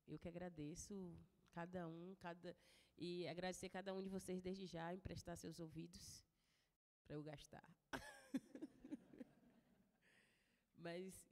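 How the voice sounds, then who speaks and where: A woman speaking softly to an audience, with small laughs between phrases. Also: on the low side, long reverb tail. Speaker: speaker at a talk. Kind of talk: talk with a sung prayer.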